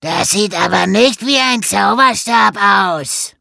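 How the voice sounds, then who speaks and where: A man voicing three cheeky little fox kids in a children's audio story, teasing and squeaky. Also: takes it slowly, gravelly, bright, forceful tone, no room sound, studio quality, full character voice. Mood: playful.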